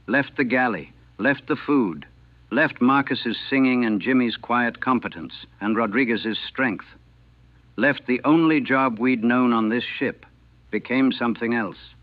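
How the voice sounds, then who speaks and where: A man's voice: mid-range voice, no room sound. A former navy cook recounting his war memories in terse, clipped fragments, heard on an old 1940s recording. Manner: terse, clipped sentence fragments, measured and grave. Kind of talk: personal war memoir told in first person. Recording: tinny, narrow-band, dry old 1940s recording.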